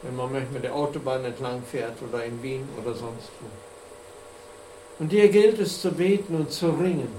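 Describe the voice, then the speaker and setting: A man preaching, telling stories slowly and earnestly as he shows slides. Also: mid-range voice, warm tone. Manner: slow, earnest storytelling. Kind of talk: sermon with slide presentation. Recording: echoey room with faint hum.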